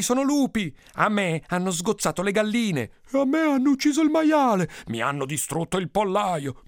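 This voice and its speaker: Folk tale mob: a man playing agitated villagers, high, loud and urgent. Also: no room sound, studio quality. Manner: agitated, rousing cries. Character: angry frightened male villagers, adult.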